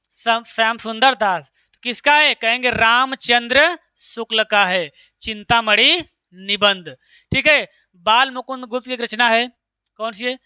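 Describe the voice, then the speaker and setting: Crisp bright male teacher. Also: very high-pitched, no echo. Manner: recites verse lines slowly, quizzes with rhetorical questions. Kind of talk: exam-prep lecture.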